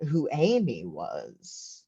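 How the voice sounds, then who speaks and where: A man's voice: mid-range voice, huge pitch swings, very slow, gravelly, warm tone, breathy edge, full character voice. A man voicing a nosy young man who awkwardly fishes for answers about a family secret, on a slightly dull recording. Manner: awkward, fishing casually for answers.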